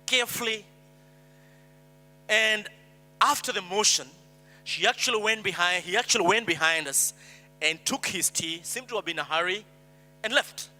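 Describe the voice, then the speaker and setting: A man's voice: high voice, bright, forceful tone. Kenyan man telling his story in a hall. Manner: earnest storytelling, acts out quoted voices. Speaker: speaker. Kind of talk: personal story speech. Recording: hall reverb, mains hum.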